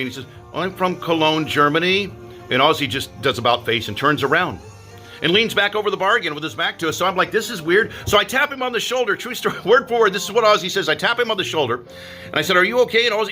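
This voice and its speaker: Fast-talking, bright-voiced male storyteller. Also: sits high. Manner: animated, emphatic anecdote-telling. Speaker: radio DJ. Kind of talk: casual storytelling to camera.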